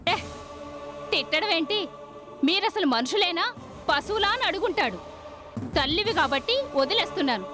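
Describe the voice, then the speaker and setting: An outraged sister-in-law with a very high voice, scolding and indignant. Background music plays behind her. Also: lively intonation, moderate pace, long pauses, bright, forceful tone, exaggerated voice. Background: background score.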